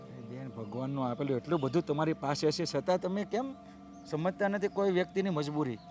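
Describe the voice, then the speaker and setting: A middle-aged actor playing a humble father who pleads earnestly and tries to calm others. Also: on the high side, brisk, faint music behind, natural voice. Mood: pleading. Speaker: actor in a family drama.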